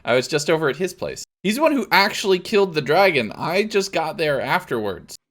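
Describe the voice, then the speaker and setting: A man's voice: on the high side, big pitch swings, a little fast, fairly bright tone. A man hosting a gaming video, mixing narration with casual chat among players.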